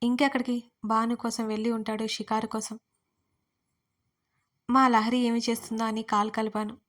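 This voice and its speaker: A young woman narrating her own audio story in the first person, playful and lively. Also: on the high side, normal speed. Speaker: writer and narrator.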